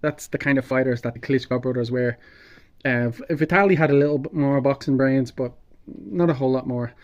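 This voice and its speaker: Male online commentator, mid-pitched, halting off-the-cuff delivery, calm turning angry and sweary, muffled lo-fi recording. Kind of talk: unscripted political rant. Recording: dull lo-fi sound.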